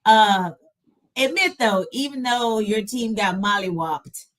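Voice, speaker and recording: A woman co-hosting a podcast, chatting casually and teasing with quick comebacks. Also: medium pitch, expressive, fairly bright tone. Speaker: podcast co-host.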